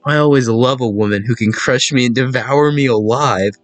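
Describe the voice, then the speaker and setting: A man's voice: mid-range voice, normal speed, no room sound, faint music behind, poor audio. A man hosting a casual let's-play, joking and reading choices aloud, saying "sigh" and "cough" as words. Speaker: gaming video host.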